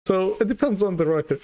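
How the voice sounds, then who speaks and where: A man chatting casually on a live stream as he reacts to videos, halting and rambling, often repeating himself. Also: mid-range voice.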